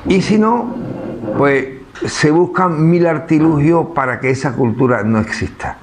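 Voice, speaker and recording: A man's voice: a little high, a little slow, a little hiss or hum. A man with an Andalusian accent giving an informal public talk, conversational and full of rhetorical questions. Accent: Andalusian Spanish. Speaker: speaker at a book presentation.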